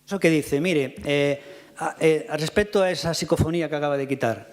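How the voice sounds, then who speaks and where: Combative politician, high-pitched man, rebutting rivals at a podium mic in a council hall. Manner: combative, rapid rebuttals, addresses opponents directly. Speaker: mayor answering in a council session. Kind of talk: heated council debate reply. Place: city council chamber. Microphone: fixed podium microphone.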